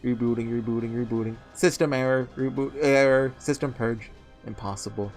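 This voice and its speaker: A man voicing a failing machine god in a game, reading its breakdown as a flat, clipped system-error readout like a glitching robot. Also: medium pitch, fairly quick, soft background music, lightly acted. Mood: cold, failing. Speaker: let's-play streamer reading game dialogue aloud. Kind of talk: reading game text aloud during a playthrough.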